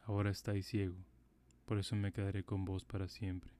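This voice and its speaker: A man voicing a kind-hearted little female swallow in a calm storybook reading. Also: low voice, fairly quick, natural voice. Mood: devoted.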